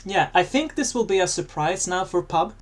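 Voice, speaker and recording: A man's voice: sits high, expressive, normal speed. A man casting a video game match, chatty and jokey, lifting his voice when fights break out. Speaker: esports commentator. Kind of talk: casual game commentary.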